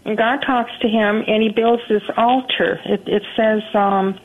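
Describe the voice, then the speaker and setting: An older woman from Southern California calling in to a radio show over the phone, chatty and halting with many restarts. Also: a little high, steady tone. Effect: heard over a phone line. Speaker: caller. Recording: tinny phone line.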